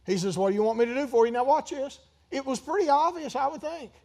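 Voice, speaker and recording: Male pastor, high voice, conversational sermon, swings into loud emphatic peaks. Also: quick pace. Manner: conversational preaching with rising emphatic bursts and asides.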